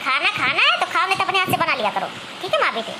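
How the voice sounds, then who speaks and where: A woman's voice: very high voice, wildly swooping pitch, quick pace, exaggerated voice. A woman voicing a doting, protective young husband in a cartoon comedy, reassuring and indignant in manner. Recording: noisy amateur recording.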